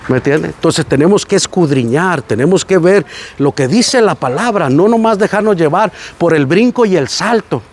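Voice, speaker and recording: A Mexican man preaching in a fairly high voice. He tells lively stories and acts out the people he quotes, then drops into slow, earnest prayer. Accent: Mexican Spanish. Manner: animated storytelling, acting out quoted voices. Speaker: pastor. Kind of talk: sermon on a site visit.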